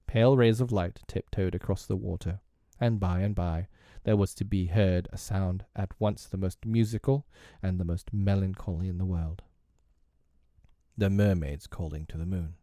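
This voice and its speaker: A man narrating a storybook in a gentle, measured reading. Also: low-pitched, fairly even intonation, no room sound, studio quality.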